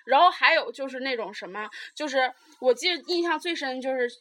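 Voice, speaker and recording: Bright, high-voiced woman. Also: animated, a little fast. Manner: chatty, full of fillers, acts out quoted dialogue. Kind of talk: casual chat, storytelling.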